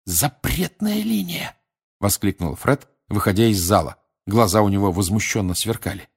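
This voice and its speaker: A man reading a bedtime storybook aloud, narrating in a calm, even way. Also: sits low, a little fast, husky. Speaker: audiobook reader.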